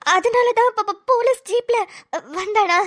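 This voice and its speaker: A woman voicing a sharp-tongued young wife in a cartoon, grumbling and sarcastic. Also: very high-pitched, lively intonation, fairly quick, full character voice. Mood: stammering, scared. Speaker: cartoon voice actor. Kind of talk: cartoon voice acting.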